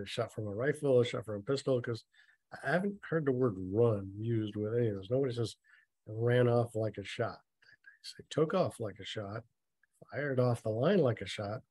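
Sarcastic guy picking apart a bad story, dry deadpan asides, no room sound at all. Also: medium pitch, no echo. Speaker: reader mocking a story. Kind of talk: sarcastic dramatic reading with commentary.

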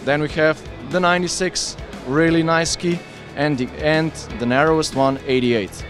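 Eager man pitching skis at a trade fair. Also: fairly even intonation, normal speed, fairly bright tone, soft background music. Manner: enthusiastic, explains with hand gestures. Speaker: ski brand representative. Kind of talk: trade fair product interview. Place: busy indoor trade fair hall. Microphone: handheld interviewer mic with windscreen.

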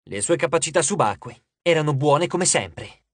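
A man narrating an audiobook with dramatic, expressive delivery and character voices. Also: normal speed, husky, no echo. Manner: dramatic, shifts pitch and loudness for characters.

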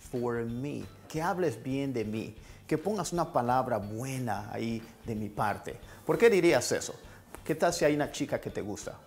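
Casual man teaching English phrases. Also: mid-range voice. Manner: repeats phrases slowly for practice. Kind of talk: casual language lesson.

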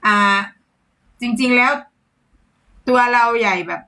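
A woman's voice: fairly high pitch, takes it slowly, sharp tone, rough recording. A young adult woman with an Isan Thai accent, chatting playfully as a livestream seller and laughing often. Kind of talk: casual live-selling chat.

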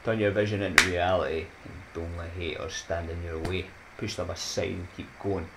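A deep-voiced man from Scotland, in his thirties, talks at a moderate pace with fairly even intonation into a desk mic in his small home room. It's a casual vlog outro: the YouTuber rambles upbeat, laughs at his own jokes and works in motivational sayings, with a faint hiss underneath.

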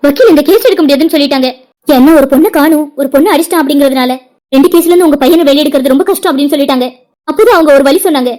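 Woman voicing a sharp-tongued angry young wife. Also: sits high, close to an everyday voice. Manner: accusing, biting sarcasm. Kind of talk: cartoon drama voice acting.

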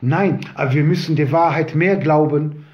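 Earnest preacher, lo-fi sound. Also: male voice, a little high, normal speed. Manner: earnest preaching, rising when quoting Jesus. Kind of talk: sermon.

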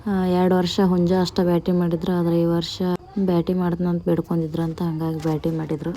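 A woman with a North Karnataka Kannada accent, recounting her day in a steady, matter-of-fact vlog voice-over. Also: on the low side, fast, background noise. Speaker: vlogger.

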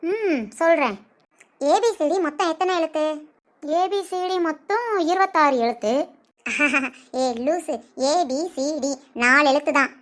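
A woman's voice: very high voice, animated, normal speed, fairly bright tone. A woman voicing a cheeky little village girl in a cartoon. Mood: teasing. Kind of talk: cartoon voice acting.

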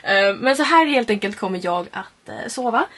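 In her twenties, a woman chats casually to camera for a road trip vlog, moving in and around a camper van and a car. Her voice is fairly high, expressive and fairly bright, picked up by a handheld vlog camera with clear background noise.

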